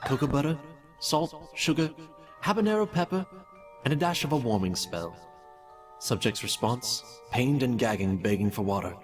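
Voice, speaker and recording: In a fan-made audio drama, a man plays a cold, detached mad scientist who pompously dictates cruel experiment notes, clinical and menacingly polite. His medium-pitched voice is natural and expressive at a moderate pace, heard distantly with music behind it.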